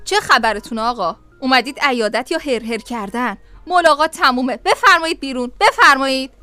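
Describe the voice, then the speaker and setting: An actress playing a stern hospital nurse who talks in a curt, scolding way. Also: female voice, high voice, animated, a bit bright, faint music behind. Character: stern hospital nurse, brusque adult woman.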